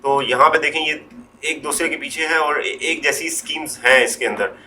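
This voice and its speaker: Man, software tutorial, step-by-step explaining, bright forceful voice, faint hum behind. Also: a little high. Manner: unhurried step-by-step explaining, trailing off quietly; mixes English words into Hindi. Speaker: Photoshop tutorial presenter. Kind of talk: screen-recorded software tutorial.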